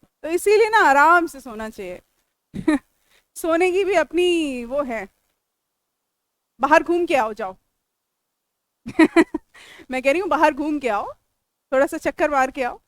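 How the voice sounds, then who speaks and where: High-voiced Indian woman teaching a class. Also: expressive, takes it slowly, pauses often, no room sound. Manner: explains step by step, asks students questions; chatty and joking with students. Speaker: English teacher. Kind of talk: classroom lecture.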